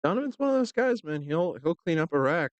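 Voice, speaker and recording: A man giving relaxed, joking live commentary on a pool match, talking loosely with fillers. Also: on the high side, brisk, no room sound, muffled recording.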